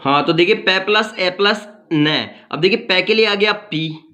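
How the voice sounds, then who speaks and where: Bright-voiced man teaching phonetics. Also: sits high. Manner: explains slowly and repeats words for drilling; mixes in English phrases. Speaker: English teacher. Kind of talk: phonetics lesson.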